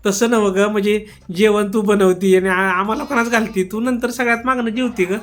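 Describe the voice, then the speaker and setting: A man's voice: high-pitched, steady tone, normal speed, a bit bright. A man playing a husband in a comic skit, pleading and laughing as he talks. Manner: giggly, pleading, keeps laughing while denying it. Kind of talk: comic sketch acting.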